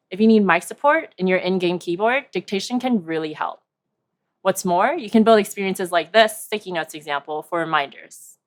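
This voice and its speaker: A woman presenting at a developer conference in a clear, steady, rehearsed delivery. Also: on the low side. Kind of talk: scripted product presentation.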